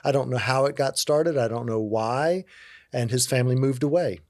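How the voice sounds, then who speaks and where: A man's voice: mid-range voice, normal speed, dry recording. Candid man in his fifties, dry sound. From Virginia. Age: 50s. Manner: relaxed, candid, self-joking. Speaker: interview guest. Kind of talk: casual storytelling conversation.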